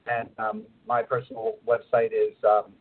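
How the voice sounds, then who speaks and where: A man's voice: on the low side, monotone, normal speed, breathy edge. A middle-aged man co-hosting a radio show by phone, rambling through explanations with many fillers, his voice muffled and distant as if through a long tube. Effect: muffled distant phone line, as if talking through a long tube. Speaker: radio co-host and astrologer. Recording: tinny phone line.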